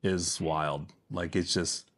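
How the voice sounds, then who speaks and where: A man's voice: low voice, fairly even intonation, slow, fairly bright tone. A man hosting a casual interview, asking short, encouraging questions. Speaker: host.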